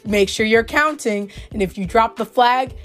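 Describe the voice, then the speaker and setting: A woman's voice: fairly high pitch, normal speed, a bit bright, soft background music. Profane, gossipy young woman vlogger. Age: young adult. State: voice recovering from being lost. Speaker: color guard senior vlogging. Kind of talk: casual storytelling vlog.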